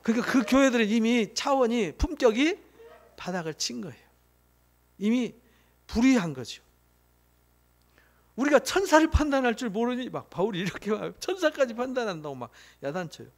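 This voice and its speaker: A middle-aged man preaching a sermon as a pastor, emphatic and full of rhetorical questions, swinging between loud pleas and soft, quiet drops. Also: extremely high pitch, sing-song, normal speed, pauses often.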